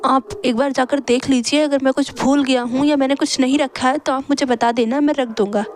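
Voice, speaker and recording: A woman's voice: sits high, steady tone, a little fast, close to an everyday voice. A woman voicing a matter-of-fact young man, a dutiful son, in a story reading. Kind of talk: storytelling role voice.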